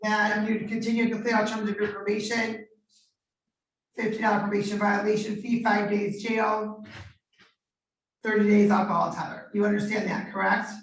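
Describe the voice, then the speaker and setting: A woman judge conducting formal court proceedings in measured, procedural questions, heard on a courtroom recording. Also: medium pitch, level tone. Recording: roomy courtroom audio from a distant mic.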